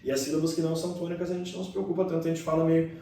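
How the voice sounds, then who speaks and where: A man's voice: a little high, flat delivery, dark tone, slight background noise. A man, an English pronunciation teacher, chatting casually and often tagging sentences with questions. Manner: fast-talking, many tag questions. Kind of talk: casual conversation. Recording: echoey room from a distance.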